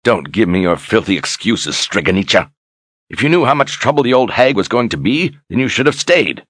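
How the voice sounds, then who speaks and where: A man's voice: fairly low pitch, very animated, brisk, a bit bright, slightly rough, no echo, clean studio sound, pitched above the performer's own voice, exaggerated voice. A man reading an audiobook, voicing a cruel zealot general who commands harshly in old-fashioned grammar. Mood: scolding.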